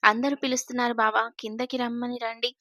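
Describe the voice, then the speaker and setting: Lady doing a cheeky young sister, bantering, high-ish flat voice. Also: quick pace, no room sound, studio quality. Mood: playful. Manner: laughing, bantering.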